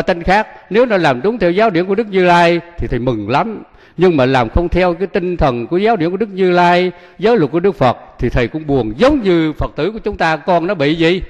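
A Buddhist monk gives a sermon, his voice sitting fairly high for a man. He keeps stopping on a rising question so his listeners can finish the line. A long reverb trails after each phrase. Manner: leaves sentences open for listeners to finish. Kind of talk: sermon with call-and-response questions.

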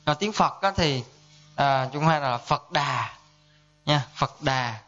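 A man gives a dharma lesson as a Buddhist monk teacher, his voice a little high for a man. He talks in a conversational way and keeps asking his listeners to agree. The sound is dull and lo-fi. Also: a little slow, fairly bright tone, faint music behind. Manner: conversational, asks listeners to confirm often. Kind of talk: dharma class lecture.

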